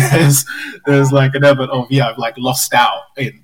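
A man hosts a relaxed podcast conversation in a mid-pitched, ordinary voice. He talks loosely and hesitantly, filling gaps with "like" and restarting his sentences. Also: normal speed, low-quality recording. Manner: hesitant, filler-heavy with "like" and restarts. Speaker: podcast host. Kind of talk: casual podcast chat.

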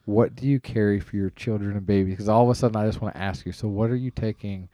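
A man co-hosting a podcast in relaxed chat, laughing along. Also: on the low side, fast, no room sound. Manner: laid-back, laughs along. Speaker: podcast co-host. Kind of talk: casual chat.

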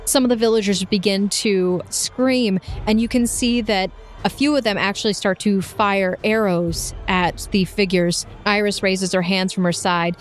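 A woman running a tabletop game, improvising descriptive narration with pauses between phrases. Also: medium pitch, steady tone. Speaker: game master. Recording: music behind the voice.

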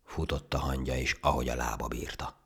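A man reading a children's fable aloud as narrator, with expressive storytelling. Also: extremely low pitch, vocal fry, breathy edge.

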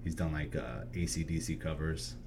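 Low-voiced agreeable man over background noise. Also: moderate pace. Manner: agreeable, bro slang, sweary. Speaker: podcast host interviewing a guest. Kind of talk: casual chat.

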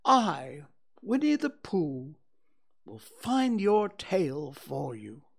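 A man voicing a cheerful, earnest little male teddy bear in a storybook reading, in a bright, eager, slightly sing-song manner. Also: high voice, sing-song, slow, voice pushed up, exaggerated voice.

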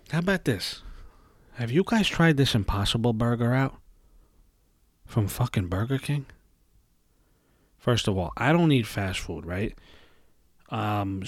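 A young man hosting a podcast, ranting in a casual, animated way and swearing constantly. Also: lowish voice, no echo, studio quality. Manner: heavy swearing, animated storytelling. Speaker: podcast host. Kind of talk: casual profane rant.

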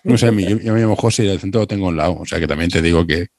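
A man's voice: deep voice, racing, a little mellow, dry recording, clean studio sound. A man, hosting a casual conversation and dropping wry joking asides. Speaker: podcast host.

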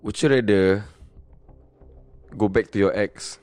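A man's voice: lowish voice, fairly even intonation, measured pace, a little mellow, faint music behind. A young man with a Singaporean accent in casual, bantering chat, speaking colloquial Singlish sprinkled with Malay slang.

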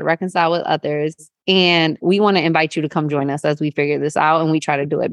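A woman's voice: lowish voice, dry recording, clean studio sound. Candid woman podcaster with a retainer lisp. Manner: speaking with a newly fitted retainer, slight lisp; candid, informal, says y'all. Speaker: podcast co-host. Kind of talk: unscripted casual podcast chat.

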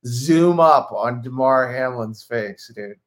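A man co-hosting a podcast in relaxed conversation, with a mid-pitched voice. He speaks easily, asks a lot of questions, and often lets his sentences trail off. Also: slow. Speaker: podcast co-host. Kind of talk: casual chat.

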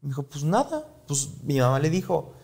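A man with a Mexican Spanish accent, a guest in an interview, telling a personal story in a lively way and acting out his family's dialogue. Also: a little high, moderate pace, vocal fry.

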